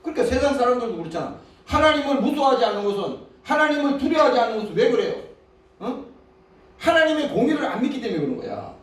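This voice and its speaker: A man preaching a Sunday sermon as pastor, asking his congregation questions and nudging them with "eh?", switching between loud scripture readings and quiet asides. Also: high voice. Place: church sanctuary. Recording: echoey church hall from far off, faint noise.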